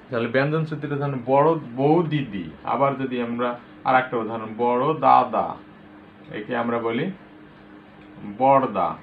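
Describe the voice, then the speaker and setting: A man teaching a grammar lesson to school students, patiently explaining and repeating example words with loud stress. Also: medium pitch, a little hiss or hum. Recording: tinny lo-fi phone-like recording.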